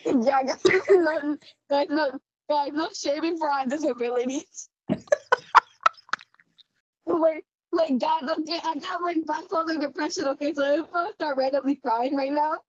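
High-pitched young woman, ironic zoomer slang, excitable repeats, slightly lo-fi. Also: a little slow, no room sound. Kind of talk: casual chat to an audience. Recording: slightly dull lo-fi close recording.

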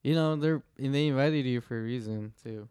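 A man's voice: medium pitch, fairly quick, a little mellow, smooth, dry recording, studio quality. A man in casual podcast chat as a co-host, giving his opinions informally with some swearing.

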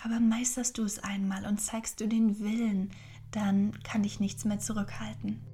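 Mellow woman in earnest reflective talk. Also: mid-range voice, flat delivery, normal speed, soft background music. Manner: earnest, encouraging. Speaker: podcast host. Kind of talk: reflective spiritual self-help talk.

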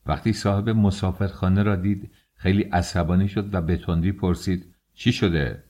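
Man, audiobook narrator, deep voice, steady measured reading. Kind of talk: scripted narration.

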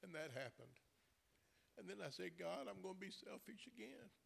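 Very gravelly older Southern man. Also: sits high, sing-song, normal speed, a bit bright. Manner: plain-spoken, folksy. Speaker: congregant giving testimony. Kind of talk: personal church testimony, storytelling. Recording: hall reverb with faint noise.

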